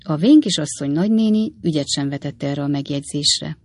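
A woman narrating an audiobook in a measured, expressive reading. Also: low-pitched.

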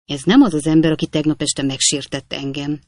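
A reader voicing an excitable little male doctor who is about to fight a duel, raised and exclaiming. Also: medium pitch, no room sound, clean studio sound, close to an everyday voice. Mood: alarmed. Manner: exclaims in alarm.

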